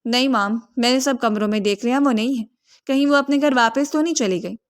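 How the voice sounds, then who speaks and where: Possessive young husband, impatient and demanding, complaining tone, storybook reading, voiced by a woman narrator, fairly high voice. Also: lightly acted. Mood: worried.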